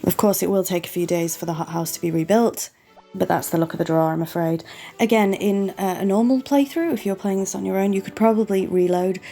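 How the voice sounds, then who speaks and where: Soft music plays beneath a warm, mid-range female voice that moves a little fast. Fighting a cold that leaves her sniffly and hoarse, the gaming host chats through a farming game playthrough, saying sorry now and then and guiding viewers step by step in casual let's-play commentary.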